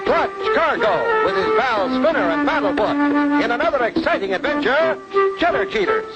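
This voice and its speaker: A man's voice: extremely high pitch, very animated, moderate pace, highs cut off. A man narrating an old cartoon serial with dramatic announcer delivery. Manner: dramatic announcer teasing the next episode. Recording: old cartoon soundtrack, loud music.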